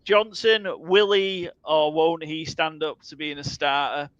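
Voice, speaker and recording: A man's voice: a little high, fairly even intonation, unhurried, a bit bright, no room sound, lo-fi sound. A man co-hosting a casual football podcast, joking and swearing as he reads out segment headlines. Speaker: podcast co-host. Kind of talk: casual sports podcast chat.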